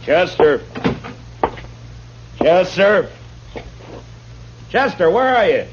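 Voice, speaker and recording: A man playing a steady, dry-spoken frontier marshal in an old radio drama. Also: on the low side, normal speed, noisy background, natural voice. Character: calm, tough frontier lawman, grown man. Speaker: lead actor as U.S. marshal. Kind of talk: 1950s radio drama acting. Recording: muffled old radio broadcast.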